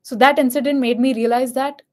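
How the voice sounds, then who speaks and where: A woman's voice: sits high, fairly even intonation, fairly quick. A young woman from India with an Indian accent, telling a personal story in a casual, earnest and reflective way. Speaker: vlogger.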